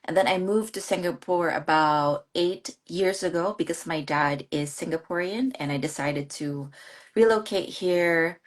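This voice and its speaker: A woman's voice: on the low side, unhurried. A woman from the Philippines, a guest on a live online interview, speaking earnestly with hesitant restarts. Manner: earnest, hesitant, laughs often. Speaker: guest, course graduate.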